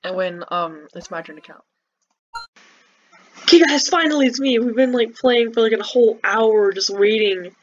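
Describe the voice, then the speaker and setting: A woman's voice: fairly high pitch, normal speed. A woman chatting casually as she plays and comments on a video game, talking to her viewers. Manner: chatty, excitable, talks to viewers. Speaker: gameplay commentator. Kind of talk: casual let's-play chat. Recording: dull lo-fi mic with faint hiss.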